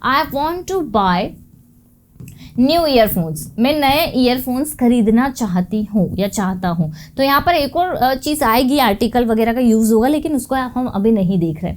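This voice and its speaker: A young woman with a high voice teaching an English grammar lesson. She explains at an unhurried pace and keeps checking that her students follow. Each example sentence comes out slowly and carefully. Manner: explains patiently, checks understanding with "clear?".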